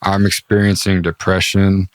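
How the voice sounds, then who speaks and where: A man's voice: low-pitched, monotone, normal speed, dry recording. A man hosting a podcast in casual chat, laid-back, slangy and full of swearing. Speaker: podcast host.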